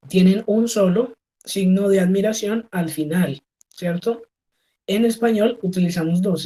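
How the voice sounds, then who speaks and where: A woman's voice: fairly low pitch, mellow, low-quality recording. A woman teaching English in an online class. She explains patiently, mixes Spanish with English examples, and checks in often with "¿sí?" and "¿ok?". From Colombia. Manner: switches between Spanish and English. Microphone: video call.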